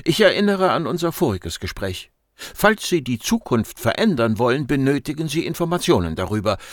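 A man reads an audiobook, voicing a desperate female secret agent who is insistent and ironic. His mid-range delivery is very animated at a normal speed, pitched above his own voice yet close to an everyday one, with clean studio sound and no echo.

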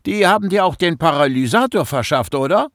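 A man's voice: fairly high pitch, animated, a little fast, fairly bright tone, no echo, studio quality, voice pushed up. A man reading an audiobook and voicing an anxious teenage schoolboy who talks in an agitated, pleading way. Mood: sarcastic. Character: anxious teenage schoolboy, first-person hero.

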